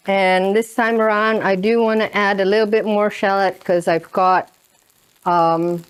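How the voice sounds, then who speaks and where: A woman hosting a cooking demonstration talks slowly and unhurriedly. Her voice is smooth and clear, at an ordinary pitch. She keeps tagging her lines with "right?" while a pan sizzles behind her. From Indonesia. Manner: chatty, keeps asking "right?". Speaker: cooking show host.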